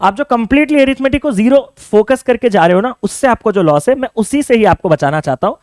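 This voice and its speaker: Speaking straight to camera, a young online exam coach earnestly pushes his students, asking them rhetorical questions so they'll think things through. His high voice is expressive, fast, and a little mellow, recorded close and dry without echo.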